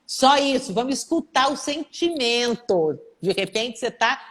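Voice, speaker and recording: A middle-aged Brazilian woman therapist talking casually on a live stream, telling lively stories and acting out the voices of the people she quotes. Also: a little high, measured pace. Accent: Brazilian Portuguese. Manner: animated storytelling, acts out quoted voices.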